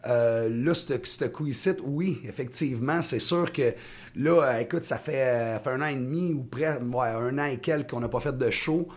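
A man's voice: mid-range voice, moderate pace. Casting note: Québécois man, late thirties, touring singer, loose rambling interview talk full of fillers and laughter. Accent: Québécois French. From Quebec. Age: 30s. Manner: rambling, many restarts and fillers, laughs easily. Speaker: touring singer-songwriter guest. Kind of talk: casual radio interview.

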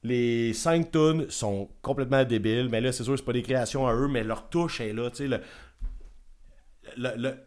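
A man's voice: medium pitch, normal speed, a little mellow. Rambling Québécois man talking music. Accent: Quebec French. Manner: rambling, enthusiastic, swearing casually. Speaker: podcast host. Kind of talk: casual music review chat.

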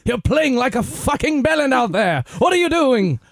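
A man voicing a foul-mouthed British pétanque coach in a put-on British accent, shouting at his player. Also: extremely high pitch, big pitch swings, a little slow, gravelly, no echo, clean studio sound, pitched above the performer's own voice, full character voice. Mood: furious. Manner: shouting, swearing.

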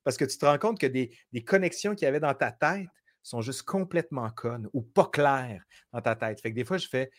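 Speaking at a normal speed in a mid-range voice, a Quebec French-accented man tells stories as a guest in relaxed conversation. He's an animated storyteller who voices his own inner thoughts as if quoting them.

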